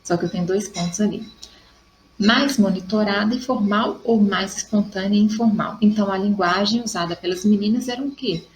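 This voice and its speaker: A woman's voice: medium pitch, fairly quick, a little hiss or hum, poor audio. A Brazilian woman teacher with a Brazilian Portuguese accent, patiently correcting exercises step by step in a recorded class lesson. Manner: patient, explains step by step, checks in with ok.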